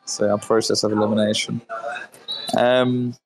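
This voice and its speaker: In a low-quality recording, a South African-accented host runs a relaxed Twitter Space chat, heavy on fillers and frequent restarts. His pitch is fairly low and barely moves, and he speaks at a moderate pace.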